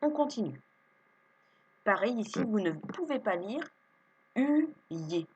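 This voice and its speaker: A woman teaching young children to read, slowly sounding out syllables and words with patience. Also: medium pitch, sing-song, slightly rough, dull audio. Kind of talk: reading lesson for young children.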